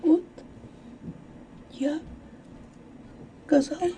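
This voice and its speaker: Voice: medium pitch, very animated, slow pace, vocal fry, mellow, far from the mic, a little hiss or hum, full character voice. A reader voicing an earnest, brave young woman who pleads tenderly and sometimes whispers her words. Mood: hushed. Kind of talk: audiobook character voice.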